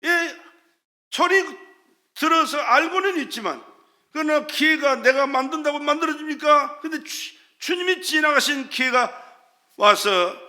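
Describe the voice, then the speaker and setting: A man preaching a sermon as pastor, with impassioned delivery that swings from shouted cries to hushed, quiet lines. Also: very high voice, animated, a little slow.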